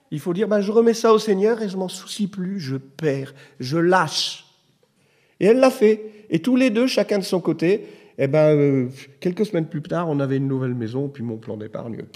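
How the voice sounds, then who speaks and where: A man's voice: on the high side, darkish tone. A middle-aged man preaching a sermon in a conversational way, telling personal stories and rising to emphatic bursts. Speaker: pastor.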